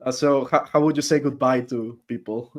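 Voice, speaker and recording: A man with a mid-range voice interprets live during an interview over a video call. He is relaxed and friendly, filling gaps with "uh" and "like". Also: mid-range voice, moderate pace. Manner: friendly, casual, filler words like "like" and "uh".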